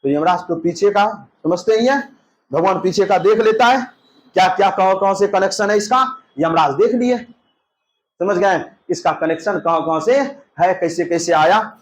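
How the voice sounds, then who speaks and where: High-voiced man telling a story in class. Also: moderate pace, a little hiss or hum. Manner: lively storytelling, acting out dialogue with asides to students. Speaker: teacher. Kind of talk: exam-prep history lesson told as a story.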